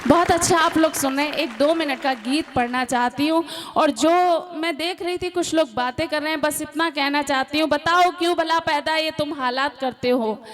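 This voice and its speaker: High-voiced woman singing ghazals on stage. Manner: sings verses slowly, talks fast between them and asks the crowd to listen. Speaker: poet performing at a comic poetry gathering. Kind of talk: sung ghazal and song recital with spoken links. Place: stage at a live poetry event.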